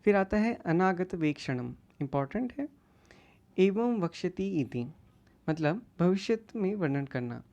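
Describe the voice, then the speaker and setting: A woman's voice: on the low side, lively intonation, measured pace, dark tone. A woman teaching an exam-prep lecture, who reads out each classical Sanskrit term and then restates it in everyday words. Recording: dull lo-fi audio.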